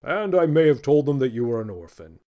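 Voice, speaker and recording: A man voicing a kindly, jolly old Santa figure with a warm, coaxing manner in a children's audiobook. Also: mid-range voice, very animated, a little fast, lightly acted. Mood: warm, confessing.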